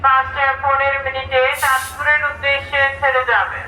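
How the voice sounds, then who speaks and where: A woman's railway station announcement made of words and phrases spliced together from prerecorded clips, in formal, repetitive phrasing over a loudspeaker. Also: sits high, monotone, very fast, a little hiss or hum. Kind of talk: public address announcement. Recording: echoey station loudspeaker heard from far off.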